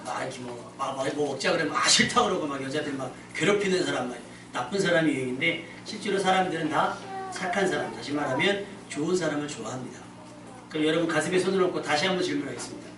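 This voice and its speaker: A man's voice: on the high side, fast talker. A male pastor giving a joking, conversational sermon and leading call-and-response with his congregation. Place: church sanctuary. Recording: echoey church from far off, with noise.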